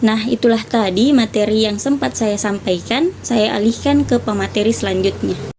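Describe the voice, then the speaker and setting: A woman's voice: a little high, moderate pace, a little hiss or hum. Young woman reading class notes. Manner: steady listing of points, clears throat. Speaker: student presenter.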